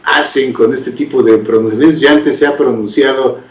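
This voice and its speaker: A man's voice: medium pitch, fairly even intonation, lo-fi sound. Distant, roomy-sounding man hosting a talk show. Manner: conversational, quick to agree and chuckle.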